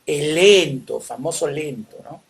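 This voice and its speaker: A man's voice: a little high, expressive, creaky, crowd noise. Middle-aged Peruvian man, podcast co-host, laid-back storyteller, filler-heavy. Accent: Peruvian Spanish. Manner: warm reminiscing, unhurried, many fillers. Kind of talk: casual chat.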